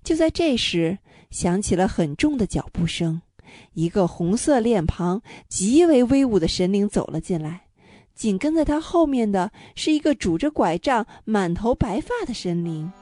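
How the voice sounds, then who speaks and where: A woman narrating a children's storybook with a gentle, clear delivery. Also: medium pitch, big pitch swings, normal speed, dry recording, studio quality.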